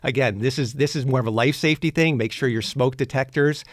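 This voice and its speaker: A man's voice: medium pitch, fast, no room sound. Man giving home maintenance advice. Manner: practical, advice-giving, frequent restarts. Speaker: radio show co-host. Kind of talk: casual radio talk. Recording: dry studio sound.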